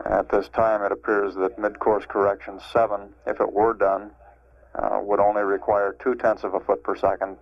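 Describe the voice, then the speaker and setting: Male spaceflight commentator, lowish and monotone, measured halting delivery, muffled archival radio sound. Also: gravelly. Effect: archival broadcast radio sound. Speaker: mission control public affairs announcer. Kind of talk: live spaceflight status commentary. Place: Mission Control. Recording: dull, band-limited archival radio feed.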